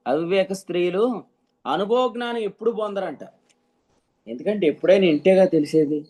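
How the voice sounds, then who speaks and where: A man's voice: high-pitched, moderate pace, darkish tone. Man preaching a teaching sermon. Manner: questions the listeners, explains with examples. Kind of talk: teaching sermon to an online group.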